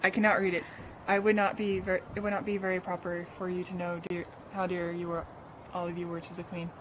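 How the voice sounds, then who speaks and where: A woman playing a grieving friend of a slain queen, a sly orator who speaks haltingly, in an amateur play. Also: on the low side, flat delivery, a little hiss or hum, natural voice, poor audio. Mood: coy. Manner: halting, hesitant speech-making.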